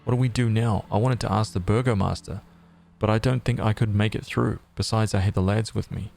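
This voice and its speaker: A man reading the lines of a gruff, coarse guard captain in a video game. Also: fairly low pitch, steady tone, fairly quick, a little mellow.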